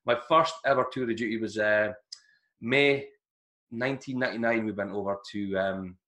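A man, a former soldier, telling stories in a casual chat with a lively, laughing delivery. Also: fairly low pitch, normal speed. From Scotland. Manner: animated, laughing storyteller who acts out voices. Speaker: guest, ex-soldier.

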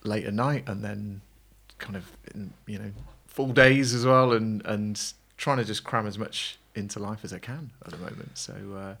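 A man's voice: on the low side, moderate pace, vocal fry, a bit bright. A man, a guest on a podcast, chatting casually and rambling with plenty of fillers and restarts. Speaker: podcast guest, agency founder. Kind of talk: casual chat.

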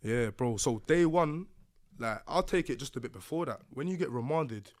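A man with a London accent tells a personal story in a casual podcast setting. His delivery is roadman street talk, thick with slang, and his voice sits at a medium pitch. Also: lively intonation, normal speed. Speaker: podcast guest.

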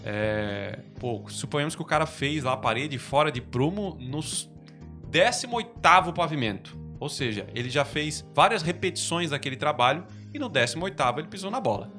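A Brazilian man hosts a relaxed podcast chat in a bright, forceful voice that sits a little high. He works through his points with examples, restarting sentences and checking in with "né?". Soft music plays faintly underneath. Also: normal speed. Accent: Brazilian Portuguese. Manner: explains with examples, many restarts and "né?" tags. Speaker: podcast host. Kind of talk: casual podcast discussion.

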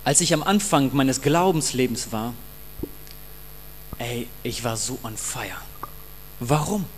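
A pastor delivers a passionate, emphatic sermon straight to his congregation, his medium-pitched voice lively in intonation and slow in pace. The hall is reverberant, with a faint mains hum.

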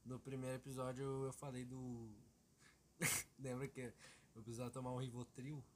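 A man with a southern Brazilian gaúcho accent co-hosts a casual podcast. He delivers wry jokes deadpan, at a middle pitch, letting his lines trail low. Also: moderate pace, a little hiss or hum. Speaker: podcast co-host. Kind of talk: casual chat.

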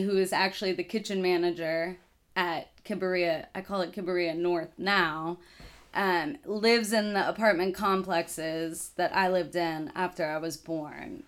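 A woman's voice: fairly low pitch, fairly even intonation, a little slow. A young woman in her twenties from Texas, a guest in a casual interview, telling her family story in a rambling, chatty way.

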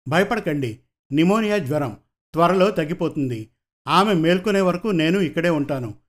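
A man voicing a kind doctor who speaks gently and reassuringly in a storybook reading. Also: fairly high pitch, lively intonation, normal speed, lightly acted. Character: calm, kindly male doctor, reassuring.

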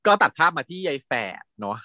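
A man casually recapping a TV drama as a podcast host, animated, laughing often and acting out lines. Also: fairly quick, dry recording, studio quality.

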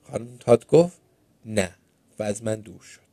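A man reading a children's storybook aloud in the first person, with a Persian accent and a lively, playful delivery. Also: medium pitch, gravelly, no echo, clean studio sound. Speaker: narrator.

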